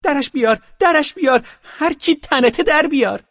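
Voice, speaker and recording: A man's voice: very high voice, fairly even intonation, no echo, highs cut off, pitched above the performer's own voice. A man narrating an audiobook voices a fussy bride obsessed with cleanliness, who shrieks orders and scolds with disgust. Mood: shrill commanding. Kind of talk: audiobook character voice.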